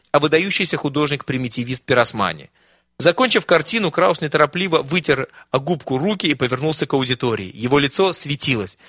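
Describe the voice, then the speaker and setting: A man's voice: fairly high pitch, sharp tone, no room sound, clean studio sound. A man reading a wry audiobook story aloud as narrator. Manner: wry storytelling, voicing characters. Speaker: audiobook reader. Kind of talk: scripted narration.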